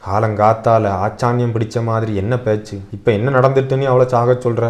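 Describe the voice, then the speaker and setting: A man's voice: medium pitch, little pitch movement, brisk, pitched above the performer's own voice, natural voice. A man voicing a grieving elderly grandmother, fierce yet tender, in a raised, pleading and scolding voice for a dramatic story reading. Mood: angry.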